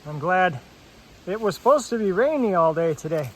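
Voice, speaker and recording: A man chatting casually as he vlogs outdoors on his rural property, relaxed and full of fillers, a bit out of breath. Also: sits high, normal speed, rough recording. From Alaska. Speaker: homesteader vlogger. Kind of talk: casual outdoor vlog narration.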